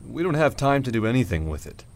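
A man playing a calm, decisive space-adventure hero and storyteller in an audio drama, measured and matter-of-fact. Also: medium pitch. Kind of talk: scripted narration and audio drama acting.

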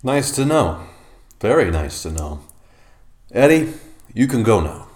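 A man's voice: on the low side, sing-song, a little slow, a little mellow, slightly rough, exaggerated voice. An actor playing a world-weary, wisecracking male space detective who narrates in noir style and flirts with his client. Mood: flirtatious. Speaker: narrator and lead character.

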